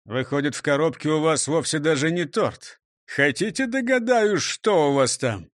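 A man voicing a baffled male prosecutor in an audiobook story, with a measured, musing delivery. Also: on the high side, lively intonation, no echo, clean studio sound, close to an everyday voice.

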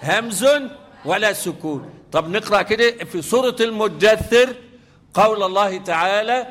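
A man's voice: high-pitched, moderate pace, fairly bright tone. A man with an Egyptian accent teaching a class the rules of Quranic recitation. He keeps quizzing his students with repeated questions and chants the verses melodically. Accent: Egyptian Arabic.

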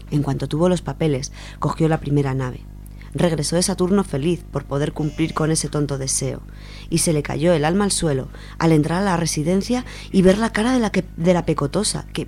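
With a deep voice and dark tone, a Spanish-accented woman reads a literary short story aloud as a radio storyteller, with music playing behind her.

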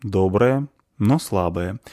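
A man's voice: fairly low pitch, slow pace, warm tone, no echo. A man playing a dry, unsentimental noble. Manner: dry, matter-of-fact.

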